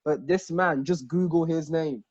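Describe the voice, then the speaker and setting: A man hosting an interview in a casual, excitable way, often restarting his sentences. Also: fairly high pitch, unhurried, highs cut off. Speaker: host.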